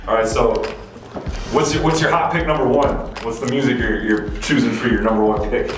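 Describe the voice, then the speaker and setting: A man's voice: medium pitch, fairly even intonation, fairly quick. A man hosting a challenge with casual, teasing banter, egging the other person on and repeating his phrases. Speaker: off-camera challenge host. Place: indoor studio, off camera. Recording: very echoey room, music behind.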